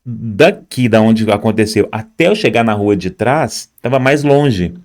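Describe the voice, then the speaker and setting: A man's voice: on the low side, lively intonation, measured pace, darkish tone. A young man tells his own story as an immigrant, speaking straight to viewers and pointing at footage on screen. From Brazil. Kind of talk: personal storytelling.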